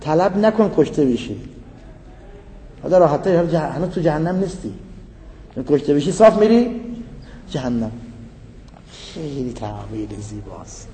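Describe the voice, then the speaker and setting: A man's voice: on the high side, big pitch swings, long pauses, warm tone. A male preacher giving a dramatic sermon, quoting verses and explaining them line by line. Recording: echoey hall, faint noise.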